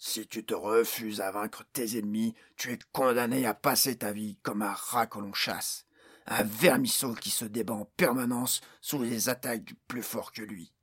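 A towering, bad-tempered orc boss barks and snarls his threats in a husky, raised voice, put on by a male audiobook reader. He sounds domineering and sure of his own power. The voice keeps a menacing, storybook-villain tone. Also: lowish voice, fairly even intonation, normal speed, a bit bright. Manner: snarling, menacing, bellowing orders.

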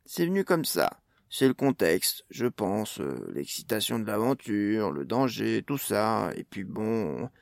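A cheeky, easygoing gnome, as a man reads him, slangy and unbothered, a touch higher than the narration. The voice has a gravelly grain and sits close and dry. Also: sing-song, a little slow, hardly any pauses, no room sound, heavily acted. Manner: casual, cheeky.

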